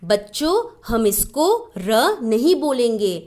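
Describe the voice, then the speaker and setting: A woman's voice: a little high, big pitch swings, slow. A woman teaching phonics to children, sounding out each letter patiently and explaining how to shape the mouth. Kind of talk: slow children's phonics lesson.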